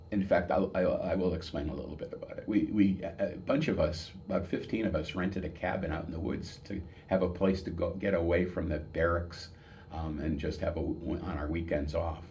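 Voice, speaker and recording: Male, 70s, American. Old veteran reminiscing in oral-history interview; deep, soft-edged tone, unhurried searching delivery with repeats, faintly noisy recording. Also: steady tone, lo-fi sound. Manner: halting, reminiscing, with pauses and repeated words. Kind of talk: old veteran remembering, unscripted personal storytelling.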